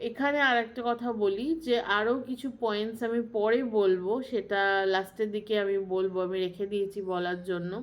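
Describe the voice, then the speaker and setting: A woman's voice: medium pitch, fairly even intonation, fairly quick, low-quality recording. A young woman vlogger explaining ideas to her viewers in a teacherly, repetitive way, slipping English phrases into her talk. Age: young adult.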